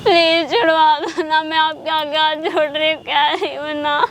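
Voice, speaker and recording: Girl acting as a desperate daughter begging n crying, very high voice, faint noise behind. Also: flat delivery, normal speed, fairly bright tone. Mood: tearful. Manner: pleading, tearful. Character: young woman begging for her jailed father's release. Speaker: victim in a short film.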